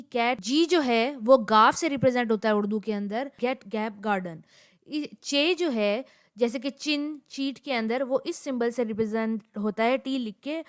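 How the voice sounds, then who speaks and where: Give me a woman, a bit high-pitched, teaching slowly and reading examples one by one. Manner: reads example words one by one in a steady pace. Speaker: English teacher. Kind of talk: slow, methodical lecture with spoken word lists.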